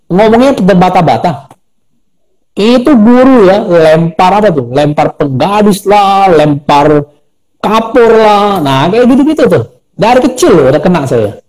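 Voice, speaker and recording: Animated, high-voiced man telling stories. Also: low-quality recording. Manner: animated, acts out quoted voices. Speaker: guest speaker and coach. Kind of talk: storytelling in a live interview. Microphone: phone or video call.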